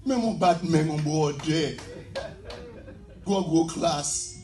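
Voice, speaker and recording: A Haitian man preaching a fervent sermon as pastor, often shouting and repeating his phrases. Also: a little high, very slow. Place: church. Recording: echoey church hall.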